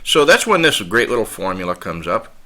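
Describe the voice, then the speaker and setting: A man from the United States talks through a math lesson in a loose, chatty way, acting out little phone conversations to make his point. His voice is bright and forceful, and his pitch moves around a lot. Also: sing-song, a little fast. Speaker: math teacher. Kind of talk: casual whiteboard math lesson.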